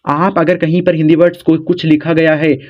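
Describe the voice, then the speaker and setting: A man teaching viewers how to spell words, who spells letters out slowly and keeps checking in with "okay". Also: fairly high pitch, little pitch movement. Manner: repeats "theek hai" often, spells letters out slowly. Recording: dull lo-fi sound.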